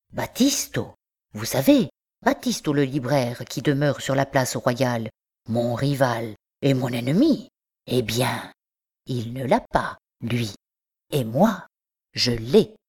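A woman's voice: extremely low pitch, expressive, takes it slowly, darkish tone, husky, full character voice. A woman doing an old bookseller who stammers over his treasures. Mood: fretful. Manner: stammering, pleading, feverish.

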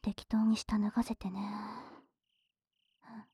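A woman acts out a drowsy, indulgent older sister in a whispered role-play of intimate pillow talk. Her voice is extremely breathy and soft-edged, with a mellow, dark tone. She sounds lazy and unhurried, very close and dry on the mic. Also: mid-range voice, little pitch movement, no echo. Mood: languid, indulgent. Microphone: close microphone, dry sound.

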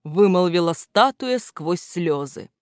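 A woman narrating a children's story in a calm, expressive storytelling manner. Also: on the low side, slow pace, no room sound, clean studio sound. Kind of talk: scripted audiobook narration.

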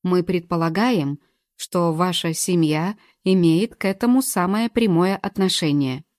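A calm male investigator in an audiobook who presses his questions in a level, even voice, as a woman reads him. The timbre is dark and mellow, recorded dry and close. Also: fairly low pitch, unhurried, no echo, natural voice. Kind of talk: audiobook character reading.

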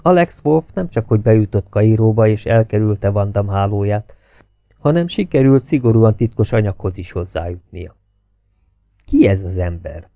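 A man narrating a novel as an audiobook reader in a steady, expressive reading style. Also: fairly low pitch, no room sound.

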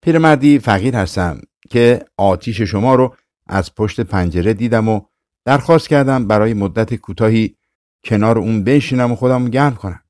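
A man reading an audiobook voices a poor, hungry old stranger who pleads softly. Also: on the low side, no echo, clean studio sound, natural voice. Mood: pleading. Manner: soft, pleading.

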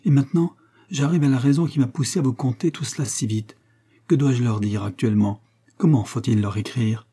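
Brief: earnest young heroine in a storybook reading, pleading and emotional, dark husky tone, played by a man. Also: mid-range voice, brisk, close to an everyday voice. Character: young woman, earnest and lovesick.

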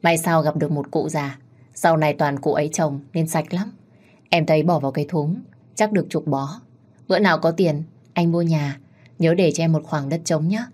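A woman reading the lines of a cheerful, chatty young wife in a storybook tale, with a husky voice. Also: low voice, fairly even intonation, normal speed, darkish tone. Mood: cheerful eager.

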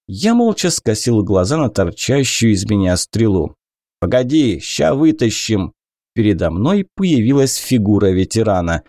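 A man narrating an adventure audiobook in the first person, expressive and acting out the hero's panic. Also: fairly low pitch, normal speed, few pauses, dry recording, studio quality.

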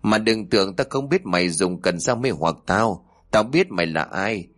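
A man voicing a cold, callous father in a horror story, calm and threatening. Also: fairly low pitch, moderate pace. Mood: menacing.

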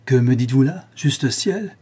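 A man's voice: mid-range voice, normal speed, mellow, slightly rough, natural voice. A man voicing a proud, domineering count of seventy-three who speaks in a solemn, dry and harsh tone. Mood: indignant.

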